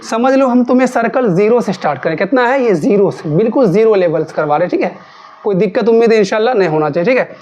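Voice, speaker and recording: A woman's voice: mid-range voice, lively intonation, fast talker, dark tone, highs cut off. Lady maths teacher, keeps asking then answering herself, repeats everything, coaxing drill style. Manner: asks questions and answers them herself in call-and-response; repetitive, coaxing drill of key terms. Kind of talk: classroom maths lesson.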